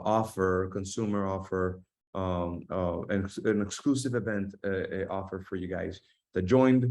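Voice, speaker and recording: A man's voice: low-pitched, darkish tone. A man hosting an online webinar from an office, talking with many fillers and restarts. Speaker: host. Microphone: video call.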